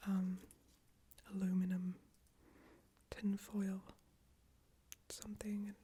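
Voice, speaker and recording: A woman murmurs a soft ASMR bedtime ramble in a hushed, breathy whisper. Her delivery is slow and very even, with a hesitant, self-deprecating casualness. There is faint noise with occasional small crackles behind her. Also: medium pitch. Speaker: ASMR video creator. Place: small closed room with screens and a PC. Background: occasional crackling from screens and PC.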